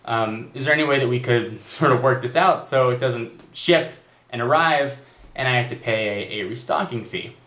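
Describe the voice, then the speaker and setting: Young adult male vlogger, exasperated storyteller, average pitch, echoey room sound. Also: moderate pace, fairly bright tone. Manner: exasperated storytelling, quoting agents in raised voice. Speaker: tech vlogger. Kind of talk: direct-to-camera rant.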